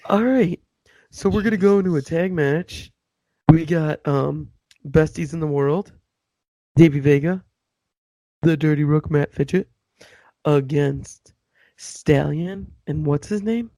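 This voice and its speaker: A man co-hosts a podcast in casual chat, dryly teasing his partner with mock insults. His voice is gravelly and mellow, a touch higher than most men, and recorded close and dry. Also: slow pace, long pauses, no echo. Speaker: podcast co-host.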